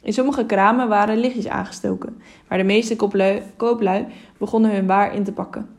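A woman reads a storybook aloud in a calm, even voice. Her pitch sits in the middle for a woman. She narrates steadily. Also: moderate pace. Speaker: audiobook narrator.

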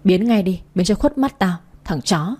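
A woman's voice: medium pitch, lively intonation, moderate pace, warm tone, husky. A woman voicing a jealous, hot-tempered young husband who talks in a snapping, possessive way. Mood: furious.

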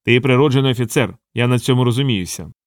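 A man voicing an earnest young male watch officer who talks in a calm, courteous way. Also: medium pitch, fast, no echo, studio quality, close to an everyday voice.

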